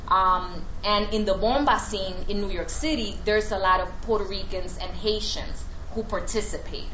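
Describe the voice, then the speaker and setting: A woman scholar delivers a lecture, moving between prepared remarks with frequent hesitant pauses. The recording is roomy and somewhat dull, with a faint hum of ambience. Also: mid-range voice, pushed and bright. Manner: halting, with frequent "um" pauses between read passages. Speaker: academic lecturer and researcher.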